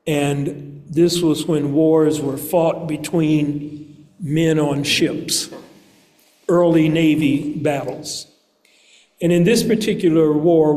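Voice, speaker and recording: A man preaching a sermon in a church, reading scripture and then speaking in a slow, measured way with deliberate pauses. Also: on the high side, mellow. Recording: long reverb of a large hall.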